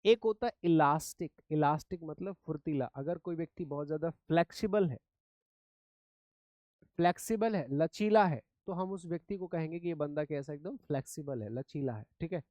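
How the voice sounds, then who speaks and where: A man's voice: a little high, moderate pace, darkish tone, no echo. Hindi-English mixing male teacher, dry sound. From India. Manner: explains in Hindi with English words, repeats words with memory tricks. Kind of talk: vocabulary lesson.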